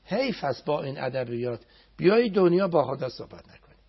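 A man giving a televised religious talk, speaking emphatically and chanting prayers slowly with repetition. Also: fairly high pitch, sing-song, slightly rough, highs cut off.

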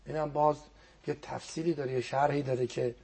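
Dark, husky and creaky, his medium-pitched voice stays fairly even as he delivers a religious lesson on a program. The man teaches with earnestness, quotes Arabic prayers, and sometimes sinks to a near whisper.

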